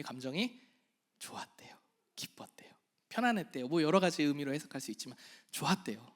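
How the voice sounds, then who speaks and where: In a church hall, a male pastor with a slightly high voice preaches a sermon, posing questions to the congregation and answering them himself. He alternates between soft, half-whispered phrases and loud, slow emphasis.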